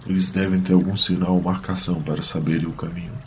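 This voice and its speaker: A man's voice: low voice, little pitch movement, quick pace, a little hiss or hum, lightly acted. A man playing a grave, commanding young bastard prince bent on revenge in a fantasy audio drama, speaking solemnly.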